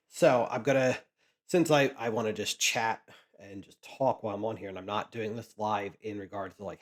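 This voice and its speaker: A man casually chatting as he sorts trading cards for his channel, rambling with frequent restarts. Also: on the low side. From Pennsylvania, US. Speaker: card collecting vlogger. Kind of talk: casual chat while sorting cards.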